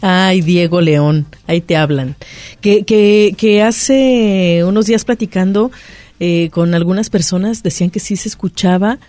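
High-pitched host, chatty. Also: male voice, a little slow, darkish tone, dry recording. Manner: chatty, agreeing with frequent backchannels. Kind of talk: casual radio talk.

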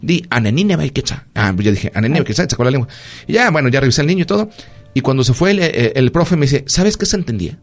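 A man's voice: medium pitch, racing, faint music behind. A man with a Mexican accent, a doctor hosting a casual radio chat, telling stories with lots of fillers. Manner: storytelling, animated, lots of fillers.

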